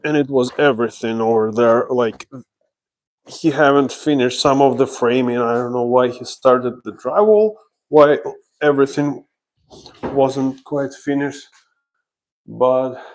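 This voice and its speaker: Step by step, a Ukrainian contractor describes his renovation work live from the site. His delivery is slow and hesitant, pitched in the middle range with fairly even intonation.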